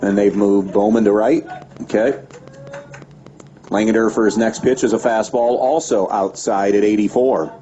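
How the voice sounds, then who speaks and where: Male radio play-by-play voice, warm low tone, steady pitch-by-pitch calls, muffled lo-fi broadcast. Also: measured pace. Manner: steady pitch-by-pitch calling with stats between pitches. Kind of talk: baseball play-by-play commentary. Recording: dull lo-fi radio broadcast with faint background noise.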